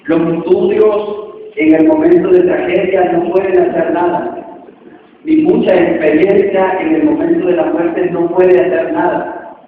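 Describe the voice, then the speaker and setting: Casting: male preacher, slow sing-song sermon delivery, higher voice, heard from far across a hall. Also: slight background noise. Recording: tinny, echoey hall from far off.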